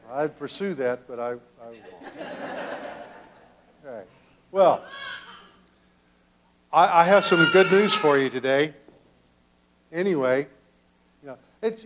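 An older man, a pastor, gently questioning children during a children's sermon in a church sanctuary. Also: sits high, a little hiss or hum. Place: church sanctuary, children seated around him.

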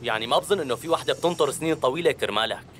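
A man's voice: mid-range voice, rapid-fire, a bit bright, slight background noise, natural voice. An actor playing a shrewd, commanding man in a dubbed TV drama, with a Syrian accent. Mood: mocking, threatening. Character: shrewd, commanding man calmly threatening a swindler.

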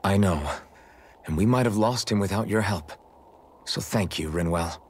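A man's voice: low voice, moderate pace, husky. A man voicing a kind, sincere young male swordsman in a video game.

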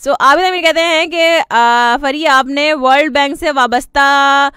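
A woman hosts a live radio show, reading listener messages with warm greetings, giggles and English phrases mixed in. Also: high voice, measured pace, no room sound, studio quality. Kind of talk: casual live radio chat.

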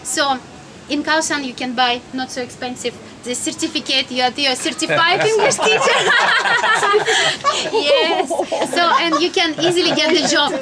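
Speaking at a moderate pace with few pauses, a woman in her thirties from Russia delivers a casual travel lecture in a high voice and Russian accent. Out in a sunny courtyard ringed by high-rises, she chats, laughs a lot, and questions her listeners. The recording, from a camera a few meters ahead, is very noisy with audience chatter.

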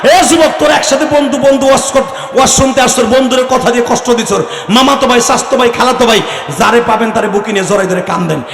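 A man preaching a fiery sermon at a large outdoor gathering, shouting commands to the crowd and breaking into a wailing, half-sung tone. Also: very high voice, quick pace. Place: large outdoor religious gathering under a pandal. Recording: echoey public-address sound with long reverb.

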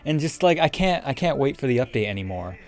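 A man's voice: medium pitch, big pitch swings, quick pace. A young man giving casual, rambling let's play commentary with frequent swearing, as a gaming YouTuber. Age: young adult. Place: indoor room with webcam setup. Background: game music.

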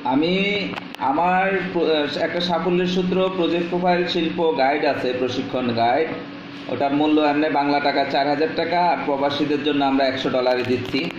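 A man's voice: on the high side, normal speed. A middle-aged man from Bangladesh, a business consultant politely and patiently advising a caller, recorded on a phone held at arm's length in a small room. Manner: polite, patient, repeats affirmations and details. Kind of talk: live phone consultation chat. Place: small bare indoor room. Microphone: phone camera at arm's length. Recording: very echoey, dull lo-fi room recording with noise.

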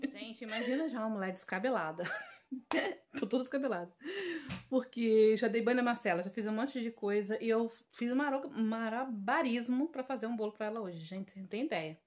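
A woman's voice: fairly high pitch, lively intonation, moderate pace. A Brazilian woman chatting to viewers as she cooks in her home kitchen, filmed on a phone. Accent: Brazilian Portuguese. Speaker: home vlogger. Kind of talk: casual home vlog.

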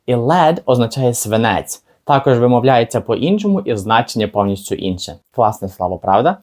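Casting: male teacher, mellow voice, chatty and question-asking, slows down for examples. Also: mid-range voice, animated. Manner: chatty, asks the viewer rhetorical questions, slows down for example words. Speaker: English teacher. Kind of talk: casual video lesson.

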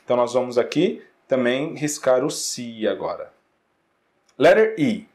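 A Brazilian man with a Brazilian Portuguese accent, teaching an English lesson. He says English phrases slowly and explains them in Portuguese, checking in often with "né?" and "ok?". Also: medium pitch, very animated, a little mellow. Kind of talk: classroom-style lesson correcting exercises.

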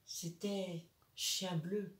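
A woman storyteller reading a bedtime story aloud to children, slow and expressive, with asides to her young listeners. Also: fairly low pitch. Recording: roomy, distant from the mic.

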